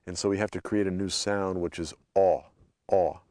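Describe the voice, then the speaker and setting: A North American man hosting a language lesson, explaining pronunciation in a clear, steady teaching tone. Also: low voice, fast, no echo, clean studio sound.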